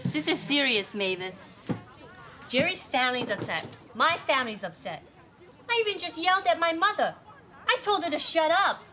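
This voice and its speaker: Feisty, high-voiced sitcom bride-to-be. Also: female voice, big pitch swings, moderate pace, sharp tone, soft background music, full character voice. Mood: angry. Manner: emphatic, indignant. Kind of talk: multi-camera sitcom acting. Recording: studio audience behind dialogue.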